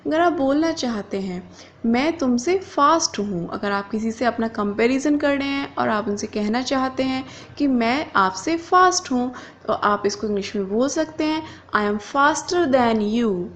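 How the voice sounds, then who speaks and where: A woman giving a spoken grammar lesson as an English teacher, spelling words out letter by letter and repeating example sentences slowly. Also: high voice, lively intonation, a bit bright, highs cut off, slight background noise.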